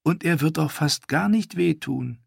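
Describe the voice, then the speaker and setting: A man's voice: fairly high pitch, a little slow, creaky, breathy edge, no echo, studio quality, pitched above the performer's own voice, heavily acted. A man voicing a menacing washerwoman with a mocking, coaxing manner. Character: menacing washerwoman, falsely soothing.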